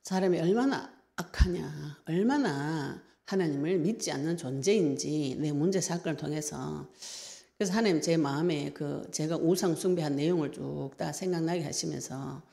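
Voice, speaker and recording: A woman pastor preaches with a Gyeongsang Korean accent in a low, gravelly voice. Her tone is dark and mellow. She tells her stories with lively, personal energy and acts out what she once said. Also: moderate pace. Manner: lively storytelling, acts out her own past words. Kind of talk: sermon.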